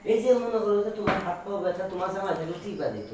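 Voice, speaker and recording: A woman's voice: medium pitch, very fast, lightly acted. A woman playing a wheedling young brother-in-law. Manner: wheedling, pleading. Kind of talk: comic village skit acting. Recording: echoey room from far off, faint hiss.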